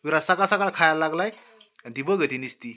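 A man's voice: on the high side, animated, fast, sharp tone, a little hiss or hum. A young man chatting casually in a family vlog, talking to his children and wife as he walks around outdoors. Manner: chatty, talks to baby and family while walking around. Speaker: vlogger. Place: outdoors around a rural home and farm.

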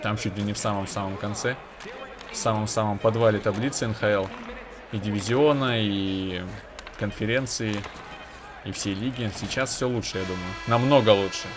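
A man's voice: on the low side, fairly even intonation, normal speed, background noise. A man giving casual, conversational commentary on his own hockey video game, with analytical asides to viewers.

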